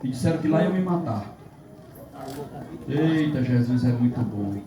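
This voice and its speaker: A man's voice: medium pitch, lively intonation, measured pace, noisy background. A middle-aged man giving a fervent church testimony, acting out the dialogue in his story and rising to exclamations. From Northeast Brazil. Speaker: police officer giving testimony. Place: church hall. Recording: echoey hall mic from far off with congregation.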